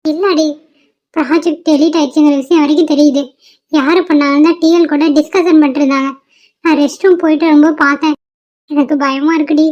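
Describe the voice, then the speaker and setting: Timid young office woman in a cartoon, anxious, high pitched, muffled sound, a woman doing her. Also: steady tone, fast talker, a little mellow, lightly acted. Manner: anxious, fearful. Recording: dull lo-fi cartoon audio.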